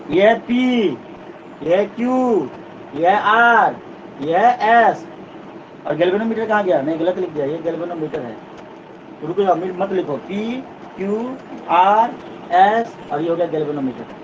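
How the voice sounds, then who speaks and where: Man, physics teacher, classroom lecture, step-by-step explaining, repeats points, high voice, distant mic, muffled noisy recording.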